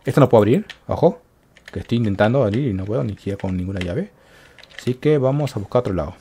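A man's voice: fairly low pitch, expressive, quick pace, dark tone, slight background noise. A man giving casual gameplay commentary, muttering to himself and calling out to his viewers. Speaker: gaming channel host.

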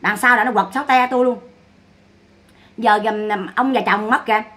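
A woman's voice: on the high side, moderate pace, pushed and bright. A woman giving mocking, scolding gossip commentary. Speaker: online commentator.

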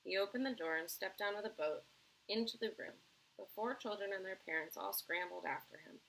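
A woman teacher reading a children's book aloud, expressive and friendly, now and then correcting herself. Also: mid-range voice, fairly quick, gravelly, a little hiss or hum, poor audio. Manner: expressive, friendly storytelling with small self-corrections.

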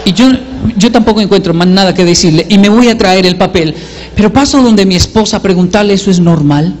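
A man's voice: high-pitched, a little fast, in a large hall. Guy telling funny family stories on stage, acts out voices, faint hum behind. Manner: animated, acts out voices, self-mocking. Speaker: comedian. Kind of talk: stand-up storytelling.

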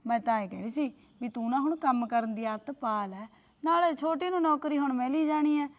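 A woman's voice: high-pitched, a little fast, dull audio, lightly acted. A woman playing a sly, needling sister-in-law. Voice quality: coaxing, needling. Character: sly, meddling young sister-in-law, sweetly coaxing. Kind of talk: short family drama.

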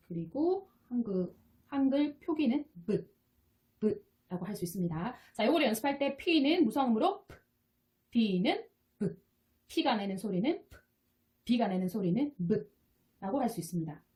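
A woman teaching English phonics, explaining patiently step by step and repeating each sound. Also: a little high. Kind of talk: explaining lesson. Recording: soft guitar music behind. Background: quiet guitar music.

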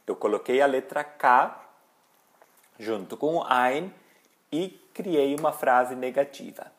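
Slow, deliberate male language teacher. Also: medium pitch. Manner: slow, deliberate, spells out example phrases. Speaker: German teacher. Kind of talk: language lesson.

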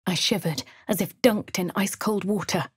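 Here a woman plays the player character, a posh female adventurer, in a posh English accent with cool, wry game lines and narration. She speaks at a moderate pace with a medium pitch and a slightly rough texture, captured dry and clean on a close studio mic.

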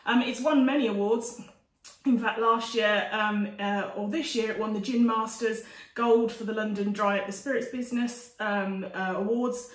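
Her voice is mid-range and steady, and she speaks at a moderate pace. She's a woman in her forties chatting informally through a cookery demo in a domestic dining room, picked up by a camera microphone a few steps off that makes the audio roomy and distant.

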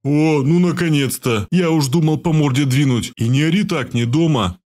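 A man voicing a big, bearded, blunt and mocking comrade in an audiobook with a rough, teasing delivery. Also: a little high, moderate pace, a little mellow, pitched above the performer's own voice, lightly acted.

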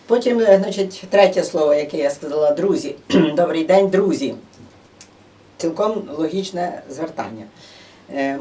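A woman's voice: sits low, mellow. A woman giving an informal, chatty talk to an audience in a museum room, explaining things with many fillers. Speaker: presenter at a museum gathering. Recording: distant room microphone.

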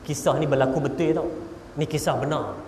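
A man's voice: fairly high pitch, steady tone, a little fast, darkish tone, slight background noise. A male preacher with a Malaysian Malay accent, giving a humorous religious lecture and speaking straight to his audience with joking stories. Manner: joking, storytelling, addresses audience directly. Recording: echoey hall with long reverb.

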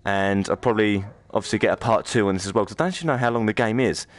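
A man streams a horror game with chatty, joking live commentary, reading the game's lines aloud as he goes. His voice is fairly low, and he talks very fast.

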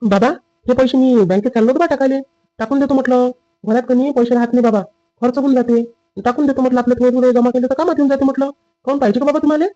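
A man playing a dutiful husband and son in a family drama skit, with a rapid, lecturing manner. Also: very high-pitched, steady tone, mellow, no room sound, lo-fi sound.

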